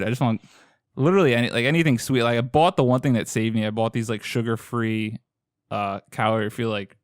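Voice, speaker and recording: A man's voice: mid-range voice, no echo, clean studio sound. A man from Boston co-hosting a podcast, chatting casually with friends, swearing freely. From Boston area. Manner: chatty, swearing, quick asides. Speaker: podcast co-host.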